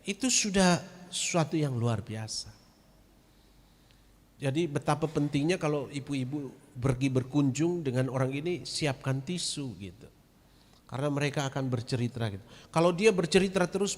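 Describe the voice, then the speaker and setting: A man's voice: on the high side, lively intonation, moderate pace. A man, a pastor and grief counselor giving a chatty, direct training talk to church members. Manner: chatty, direct, addresses audience as Bapak Ibu. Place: church hall. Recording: long reverb of a hall.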